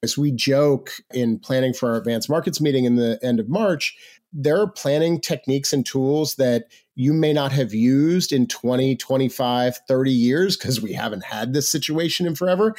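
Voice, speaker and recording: A man's voice: medium pitch, moderate pace, darkish tone. A man giving conversational expert commentary as a podcast guest, informal and explanatory, checking in as he goes. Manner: informal, explanatory, checks in with "right?" and "you know". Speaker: podcast guest, financial policy advocate.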